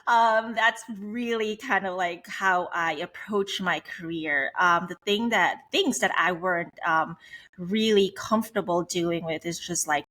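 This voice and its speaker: Candid, lower-voiced Swiss-born woman. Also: measured pace, pushed and bright. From Switzerland. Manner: candid, personal storytelling. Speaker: guest, business coach. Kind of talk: conversational interview.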